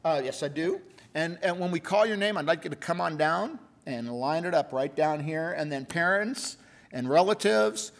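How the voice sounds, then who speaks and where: A man serving as mayor at a city council meeting, reading a certificate aloud at a podium microphone in a genial way, with quick reading and frequent fillers. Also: on the high side, expressive, gravelly. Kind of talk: reading a certificate at a civic ceremony.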